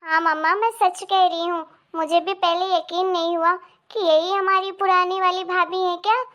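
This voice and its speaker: A woman voicing a cheerful, chatty young sister-in-law in an animated family story. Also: very high-pitched, normal speed. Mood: excited.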